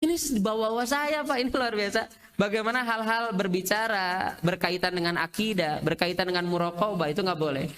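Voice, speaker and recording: A man with a Sundanese accent giving an Islamic study talk to fathers, lively and chatty, often calling his listeners "Pak" and jumping up in pitch when he acts out examples. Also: brisk. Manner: swings sharply up in pitch when acting out examples.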